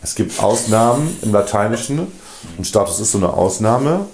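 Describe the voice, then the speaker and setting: A man's voice: lowish voice, big pitch swings, normal speed, darkish tone. A man hosting a casual podcast from a kitchen, fussing over correct pronunciation and often laughing. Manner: pedantic about pronunciation, laughs a lot. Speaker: podcast host. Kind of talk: casual chat. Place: home kitchen. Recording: echoey kitchen.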